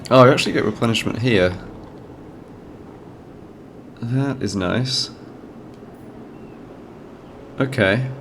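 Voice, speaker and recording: With a little hiss or hum in the recording, a man with a cold speaks slowly in a medium-pitched, slightly bright and nasal voice, leaving long pauses. He hosts a gaming channel and casually thinks aloud about a strategy game, explaining each move.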